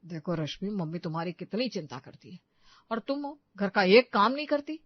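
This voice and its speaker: A woman's voice: mid-range voice, sing-song, moderate pace, dry recording. Casting: woman doing a curt, angry young cartoon husband, dry lo-fi sound. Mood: scolding. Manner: scolding, curt. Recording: dull dry lo-fi audio.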